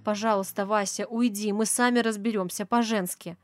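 A woman voicing a gentle, wealthy young mother who speaks softly and soothingly, with a sly edge, in an audiobook. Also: fairly high pitch, expressive, normal speed, slight background noise, pitched above the performer's own voice, close to an everyday voice. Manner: soft and soothing, with a biting edge. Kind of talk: audiobook character voice.

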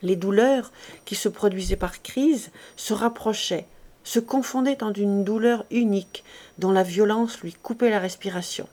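A woman reading a classic novel aloud as an audiobook, measured and expressive. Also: mid-range voice. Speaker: audiobook reader.

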